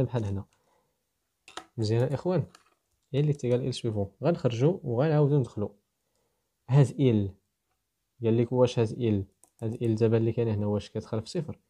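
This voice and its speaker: His voice sits at medium pitch, dark-toned with a breathy edge. The Moroccan Arabic-accented man is explaining programming to students, talking through code piece by piece as he thinks.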